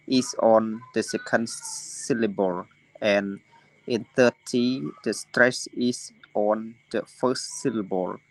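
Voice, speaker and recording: Guy reading his lesson aloud on a video call, super slow, fixes his slips. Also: lowish voice, poor audio. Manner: slow careful reading with self-corrections. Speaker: student.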